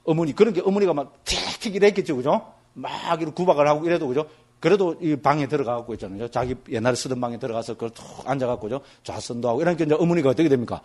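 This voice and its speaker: Male Buddhist monk teacher, rapid lively storytelling, fond of tag questions. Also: a little high. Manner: lively storytelling, constantly asks listeners for agreement. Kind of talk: Buddhist scripture lecture.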